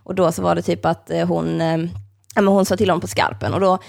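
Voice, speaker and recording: A woman's voice: lowish voice, creaky. A young woman hosting a podcast, telling personal stories casually, swearing freely and acting out what other people said, with lots of filler words. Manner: animated storyteller, swears freely, acts out other people's lines; heavy use of fillers like "like" and "kind of". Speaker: podcast host.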